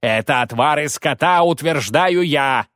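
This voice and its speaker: Shrill zealot priest, high and loud, accusing, done by a male narrator. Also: unhurried, no echo, studio quality. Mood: furious.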